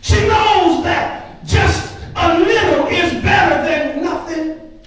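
A man preaching from the pulpit, his voice very high and his delivery slow and deliberate. He repeats words as he builds up and breaks into shouts. The sound is picked up from far back in a very echoey sanctuary, with faint organ and the congregation behind him. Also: some chatter behind. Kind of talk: sermon. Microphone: pulpit mic, camera at the back of the room.

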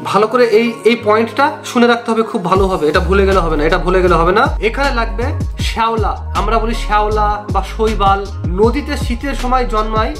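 A young man with a West Bengal Bengali accent, host of a fishing channel, explaining a bait recipe step by step in an earnest, repetitive way. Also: sits high. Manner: repetitive, earnest instructional talk. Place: small indoor room. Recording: echoey room with background music.

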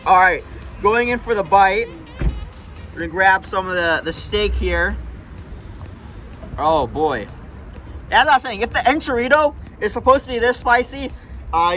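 A young man hosting a casual fast food review vlog outdoors, chatty and jokey, talking straight to his viewers. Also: fairly high pitch, fairly bright tone, low-quality recording.

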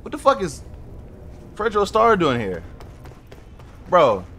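Man, gameplay commentary, slangy and excitable, swears a lot, highish voice, faint background hiss. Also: takes it slowly. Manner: talks to game characters as he plays. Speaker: gaming video creator.

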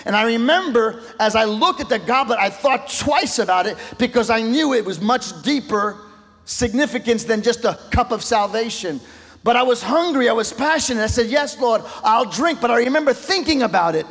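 A male pastor delivers a sermon with fervor, his voice climbing loud and then falling to a hush. His voice sits high for a man. The sound rings with the long echo of a large church sanctuary. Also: expressive, fairly quick. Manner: impassioned preaching, voice swelling and dropping low.

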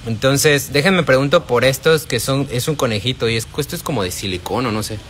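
A man's voice: medium pitch, brisk, fairly bright tone. A Mexican man hosts a live shopping stream from inside a shop, speaking into a phone held at arm's length. He chats casually, greets viewers by name and answers their questions in an ordinary, mid-range voice. Faint shop noise sits behind him. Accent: Mexican Spanish. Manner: chatty, addresses viewers by name, answers chat. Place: indoors in a wholesale shop.

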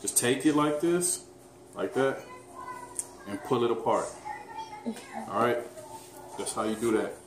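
A thirtysomething fitness vlogger gives a casual dinner-cooking demo with his daughter in their home kitchen, teasing and speaking straight to the audience. His medium-pitched voice is animated but a little slow, with frequent pauses. The counter-top camera mic records an echoey room and loud background noise.

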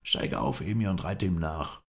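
A man's voice: low-pitched, sing-song, normal speed, gravelly, heavily acted. A man voicing an old, proud and rash Bedouin sheik in an audiobook, speaking in lamenting, pleading calls. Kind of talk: audiobook character voice.

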